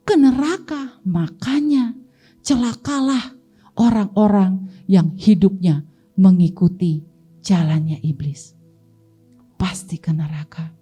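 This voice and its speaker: Lively woman teaching kids a bible story. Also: mid-range voice, slightly rough. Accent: Indonesian. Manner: lively, asks the children questions and answers them. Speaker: Sunday school teacher. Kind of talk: children's Bible story lesson.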